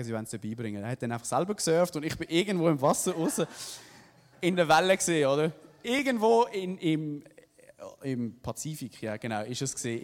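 Animated Swiss German man telling a story. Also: fairly high pitch. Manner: animated, tag questions "oder?". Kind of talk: live personal storytelling. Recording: hall reverb.

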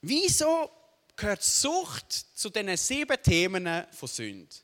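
A man's voice: sits high, takes it slowly. A young adult man with a Swiss German accent preaching a sermon, often checking in with the audience. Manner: animated, asks the audience "oder?" often. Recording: long hall reverb.

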